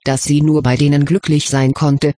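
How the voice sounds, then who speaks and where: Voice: mid-range voice, flat delivery, moderate pace, dark tone, dry recording, natural voice. A reader voicing a caring but decisive teenage schoolgirl, in a storybook reading. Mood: firm.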